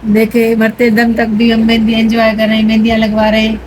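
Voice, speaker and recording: Woman joking around while getting henna done, kinda high, flat voice, noisy home recording. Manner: laughing, self-mocking banter. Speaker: family member. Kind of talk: casual chat.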